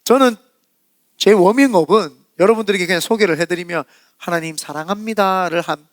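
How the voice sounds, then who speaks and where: A man pastor preaching a sermon in a lively storytelling manner, often acting out quoted prayers and dialogue. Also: high voice, fairly quick, no room sound, studio quality. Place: church sanctuary.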